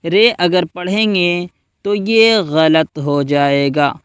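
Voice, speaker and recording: A man's voice: high voice, smooth, no echo, studio quality. A man teaching Quran reading step by step, patiently spelling out each letter and asking listeners to repeat after him. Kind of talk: step-by-step recitation lesson.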